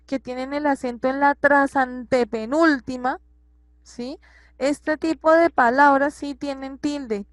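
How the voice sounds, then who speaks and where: A woman's voice: sits high, dry recording. A woman teacher explaining a grammar lesson patiently, repeating examples and checking that her students follow.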